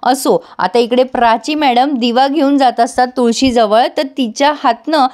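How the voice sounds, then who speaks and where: A woman briskly retelling a TV serial episode, quoting each character in turn. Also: sits high, a little mellow. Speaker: TV serial reviewer.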